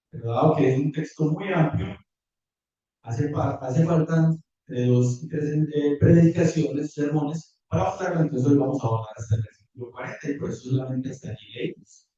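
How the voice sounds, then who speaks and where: Preacher guy reading scripture slow and careful, really dark tone, distant muffled church recording. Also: fairly high pitch, very echoey. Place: church hall.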